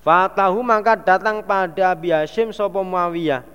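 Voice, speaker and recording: A man with a Javanese accent reads a classical religious text aloud and translates it phrase by phrase, dropping in playful asides. His voice sits a little high and sounds smooth and resonant, and he takes his time. It rings with the long reverb of a large hall. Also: normal speed, fairly bright tone, muffled recording. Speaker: religious teacher.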